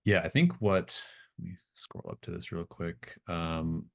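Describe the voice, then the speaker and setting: Serving as game master for a tabletop roleplaying game, a man improvises narration in a conversational, hesitant way, thinking aloud as he goes. His voice is low and creaky, and he speaks a little slowly.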